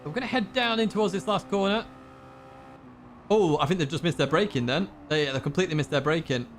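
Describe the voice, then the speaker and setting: A man giving live commentary on a sim racing event in an excitable, chatty manner. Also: a little high, brisk, a little hiss or hum. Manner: excitable, chatty, laughs along. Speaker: race commentator.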